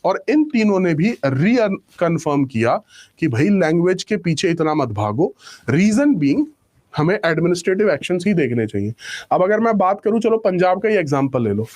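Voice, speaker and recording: A man's voice: high-pitched, very animated, moderate pace, darkish tone. A young male teacher giving a live exam-prep class, explaining with rhetorical questions and English phrases mixed in.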